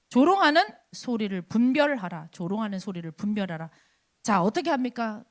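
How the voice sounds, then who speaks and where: High, lively woman preaching a sermon. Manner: emphatic, repeats rhetorical questions. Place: church service.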